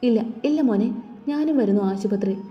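A woman's voice: medium pitch, a little fast, natural voice. A doting old grandmother, tearful and pleading, as a woman reading the story puts her on. The sound is dull and lo-fi with a long reverb trailing behind, and faint music plays underneath. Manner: pleading, weepy.

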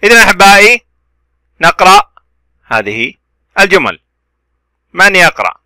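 Bright, clear-voiced male reading teacher. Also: high voice, very animated, no echo. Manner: spells out letters slowly and stretches the words; bright, clear, dry close voice. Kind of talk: children's reading lesson.

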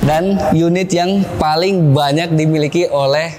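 A man's voice: on the high side, fairly even intonation, unhurried, a loud crowd. Man hosting with salesman patter, chattery showroom. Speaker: host of a car video channel. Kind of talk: promotional car-deal interview. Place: large indoor car showroom.

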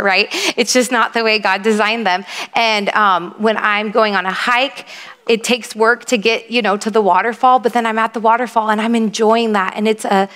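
A woman's voice: mid-range voice, a bit bright. A woman counselor and mother giving a casual, conversational faith talk to a group of moms, full of "like" and "um.". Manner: casual and quick, with frequent "like" and "um". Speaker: speaker at a women's ministry meeting, counselor and mom. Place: church meeting hall. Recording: long hall reverb.

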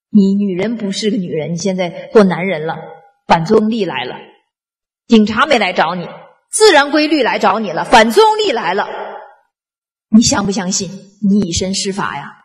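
A woman speaks to an audience at a mid pitch. She tells stories in a chatty, animated way, acts out the dialogue, and often stumbles and restarts. Her talk is loose and colloquial, like a testimonial. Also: normal speed. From northeast China. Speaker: public speaker on traditional culture.

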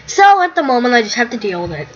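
A woman's voice: fairly high pitch, very animated, fast talker, dull audio, soft background music. A young woman talking casually over her own gameplay as a YouTuber, rambling and easily startled. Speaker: gaming YouTuber.

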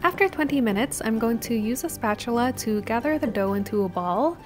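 A woman host calmly narrating a baking recipe step by step as a voice-over. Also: a little high, fairly quick. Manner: steady step-by-step instructional delivery. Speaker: cooking channel host. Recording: voice-over with music behind.

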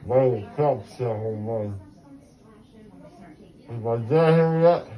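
A man's voice: mid-range voice, takes it slowly, lo-fi sound. Groggy young man, mouth full of gauze. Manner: groggy, slurred and drifting. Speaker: patient after wisdom teeth surgery. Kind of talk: rambling, loopy chatter. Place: dental office.

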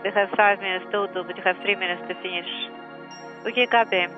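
A man with a notably high voice talks to a crew over a space radio comm loop, and the sound comes through muffled and narrow. He keeps to short, procedural confirmations, checking each item and reading it back. Music plays clearly underneath him. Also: fairly even intonation, fast talker. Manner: clipped, procedural call-and-confirm. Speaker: mission control communicator.

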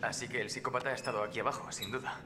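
A man's voice: mid-range voice, fairly even intonation, racing, noisy background, close to an everyday voice. An actor playing an anxious, protective young man, an earnest friend in a horror video game dub. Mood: wary, subdued.

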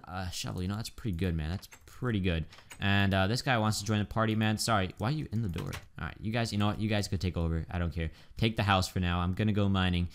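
A man's voice: fairly low pitch, a little hiss or hum. A man giving casual, chatty let's-play commentary, upbeat and full of ums and likes. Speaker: gaming YouTuber.

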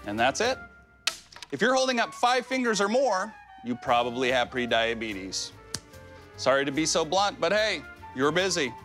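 A man in a doctor's coat doing a blunt, deadpan comic health ad straight to the viewer. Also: on the high side, normal speed, faint music behind. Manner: blunt, deadpan direct address. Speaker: actor in a health ad playing a doctor. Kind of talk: comic scripted ad.

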